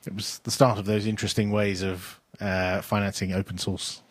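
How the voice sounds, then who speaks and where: A man with a low, slightly husky voice chats on a podcast, recorded dry and close. He meanders through old topics with wry asides and chuckles. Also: little pitch movement, normal speed, dry recording. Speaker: podcast co-host. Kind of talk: casual retrospective chat.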